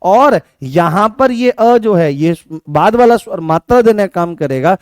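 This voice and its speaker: High-voiced man teaching Hindi grammar. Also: expressive, unhurried, no room sound, clean studio sound. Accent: Rajasthani Hindi. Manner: repetitive, coaxing, asks students questions and calls them beta; answers viewer comments by name. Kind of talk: online exam-prep grammar lesson.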